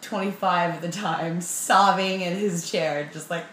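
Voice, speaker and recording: Profane, animated young woman telling a story. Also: lowish voice, measured pace, slight background noise. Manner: animated, profane, self-mocking. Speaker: vlogger. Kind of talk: casual storytelling. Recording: roomy with faint ambience.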